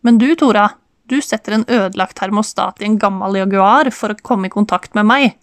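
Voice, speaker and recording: A woman's voice: mid-range voice, smooth, no room sound, lightly acted. A woman reading the part of a blunt, defensive man who works as a car mechanic in an audiobook. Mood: mocking. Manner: curt, defensive.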